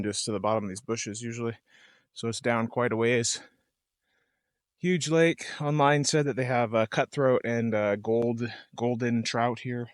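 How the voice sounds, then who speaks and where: A man vlogging casually from a lakeside campsite, talking in a relaxed, rambling way with lots of hesitations. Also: medium pitch, no echo. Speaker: camping vlogger. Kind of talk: casual outdoor vlog.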